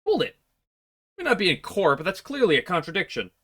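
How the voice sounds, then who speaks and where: A man's voice: sits high, huge pitch swings, brisk, pushed and bright, slight background noise, full character voice. A man voicing a haughty, easily exasperated young lady in an emphatic, amateurish performance. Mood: objecting.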